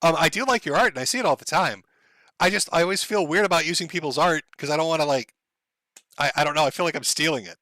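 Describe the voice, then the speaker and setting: A man hosting a livestream, reading viewer donations out loud and telling stories in a casual, profane way, often laughing. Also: on the high side, quick pace, no echo. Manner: profane, laughing, rambling storyteller.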